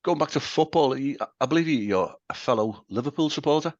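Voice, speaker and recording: A man's voice: mid-range voice, expressive, brisk, no room sound. A man hosting an interview, asking questions between short interjections. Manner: asks questions, brief interjections. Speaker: host, interviewer. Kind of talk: casual interview chat. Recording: dull lo-fi dry sound.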